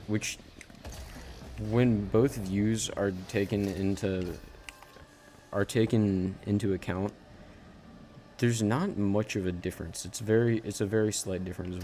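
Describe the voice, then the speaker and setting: A man with a very low, dark voice gives loose commentary over a game. He speaks in a flat, even line. He rambles and keeps restarting his sentences. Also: a little hiss or hum. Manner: rambling, halting, self-correcting. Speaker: gaming channel host. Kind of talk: casual gameplay commentary.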